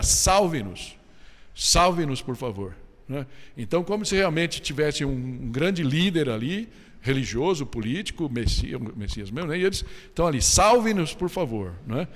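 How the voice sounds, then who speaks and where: Brazilian pastor preaching in a reverberant hall. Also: male voice, mid-range voice. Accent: Brazilian Portuguese. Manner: conversational preaching with frequent tag questions. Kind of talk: sermon. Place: church hall.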